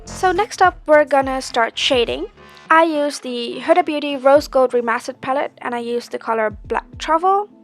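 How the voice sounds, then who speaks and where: A woman's voice: sits high, moderate pace, faint music behind. A woman giving a casual, chatty makeup tutorial, explaining step by step. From Sri Lanka.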